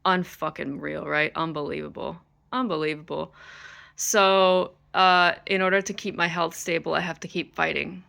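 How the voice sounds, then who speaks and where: Stressed and fed up, an American woman vents on camera and swears often throughout. She speaks at a normal speed in a lower register with fairly even intonation, vocal fry and a sharp edge.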